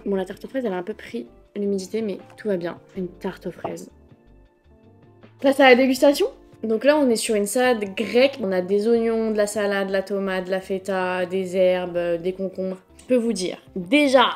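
A woman's voice: mid-range voice, a little mellow. A woman vlogging casually to a phone camera, chatty and slangy, with a blocked nose and congested throat. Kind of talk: casual vlog chat.

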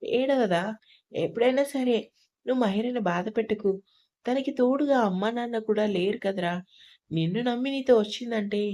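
A woman reading an audio story, voicing a kindly middle-aged mother-in-law who talks softly and affectionately and gently scolds. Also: fairly high pitch, close to an everyday voice.

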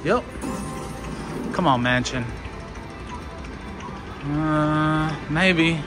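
Standing at a slot machine in a busy casino, a vlogger talks his friend through the game in quick bursts, counting and cheering it on, while loud casino music plays. He speaks extremely slowly in a slightly high voice.

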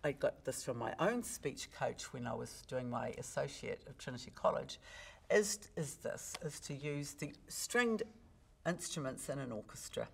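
Expressive low-voiced New woman coach. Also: moderate pace, vocal fry, husky. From New Zealand. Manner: expressive, demonstrates pitch with big vocal swings. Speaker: speaking coach, guest. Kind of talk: podcast interview.

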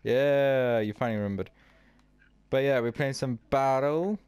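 A man hosting a gaming video, his voice smooth and clear at a middle pitch. He talks with a laid-back, easygoing manner while he chats with a friend. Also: moderate pace, darkish tone, no echo. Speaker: channel host. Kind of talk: casual gameplay chat.

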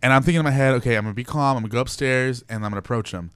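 A young man tells excitable stories at a quick clip as a guest on a casual radio show. His voice is bright and crisp. The sound is dry and close. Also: medium pitch, no echo. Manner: animated, excitable storyteller. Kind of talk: casual radio interview storytelling.

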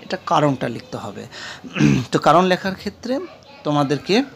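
Bangladeshi guy teaching class, gravelly voice, keeps asking then answering his own questions, bit of hiss. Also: fairly high pitch, big pitch swings, fairly bright tone. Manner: asks questions and answers them himself, repeats key words slowly. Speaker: English teacher. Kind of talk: classroom lesson explaining a textbook.

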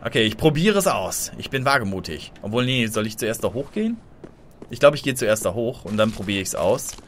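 A man commentating a blind let's play, excitable and easily startled, chatting to viewers and making little sound effects as he plays. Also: fairly low pitch, fairly quick, a little hiss or hum.

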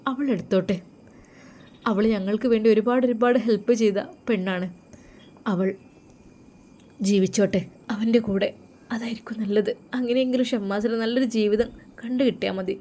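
A woman's voice: medium pitch, moderate pace, pauses often, warm tone, slight background noise, close to an everyday voice. A woman voicing a heartbroken, self-sacrificing young woman, speaking in an earnest, tearful way. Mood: pleading. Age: young adult. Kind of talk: storytelling role voice.

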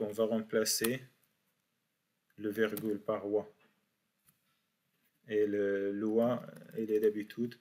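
A man teaching a beginners' class in French, slowly repeating each word for his students. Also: lowish voice. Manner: slow, repeats words for learners. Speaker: Arabic teacher. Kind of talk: university language lesson.

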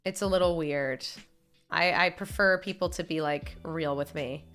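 Young woman streamer, from upstate New York, blunt and candid, bright tone, faint game music. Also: low voice, moderate pace. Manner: blunt, candid, swears casually. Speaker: live streamer. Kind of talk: casual live-stream chat, reading viewer messages.

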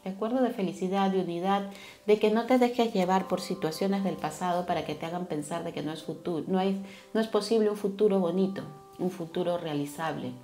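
Gravelly-voiced woman reading tarot cards. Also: lowish voice, fairly quick, warm tone, faint music behind. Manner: affectionate, with frequent tag questions. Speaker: tarot card reader. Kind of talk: addressing viewers in a tarot reading.

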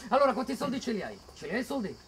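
An actor playing a volatile, menacing militiaman who taunts and mocks, then bursts into shouting. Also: very high-pitched, big pitch swings, racing, a little hiss or hum. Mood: furious. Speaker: soldier threatening a journalist. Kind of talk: film acting.

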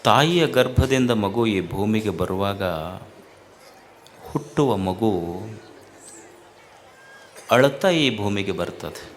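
A man gives a religious discourse, slow and repetitive, building up rhetorical questions. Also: on the low side, expressive, slight background noise. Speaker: swami giving a blessing discourse. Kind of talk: religious discourse to a festival crowd.

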